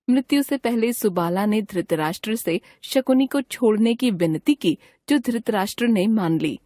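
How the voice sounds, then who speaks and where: Woman reading a textbook, dry and even. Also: mid-range voice, no room sound. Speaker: textbook narrator. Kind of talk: reading a grammar textbook aloud.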